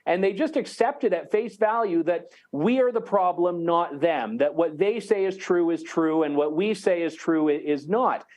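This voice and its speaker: A man's voice: on the high side, normal speed, hardly any pauses, a little mellow. A man, a journalist, joining an interview remotely and answering in a dry, wry, matter-of-fact way. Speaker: journalist guest.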